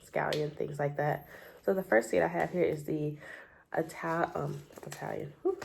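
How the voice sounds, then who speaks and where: A homestead gardening vlogger sits at her table at home for a casual show-and-tell, um-ing frequently as she chats about her things. Her low voice is creaky and a little mellow, though a cold leaves it stuffy and scratchy.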